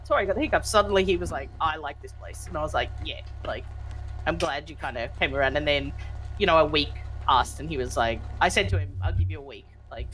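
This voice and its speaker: A fellow roleplayer tells a long, rambling story over voice chat, with many fillers and lively pitch jumps, on a headset mic. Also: fast, a little hiss or hum, poor audio.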